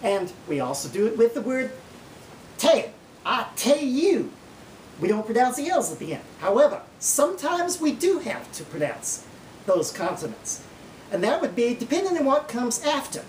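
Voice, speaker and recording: Woman putting on a drawling Okie lecturer, lively pitch. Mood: proud, emphatic. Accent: Oklahoma. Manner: slow drawn-out drawl, emphatic. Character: proud folksy Okie woman lecturing on her dialect. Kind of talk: mock lecture on dialect. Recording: roomy, distant mic, faint rumbling noise.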